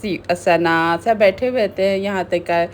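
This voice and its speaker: A woman's voice: mid-range voice, unhurried, a little mellow, slight background noise. A woman casually recapping a reality show, retelling events in a chatty way with frequent restarts.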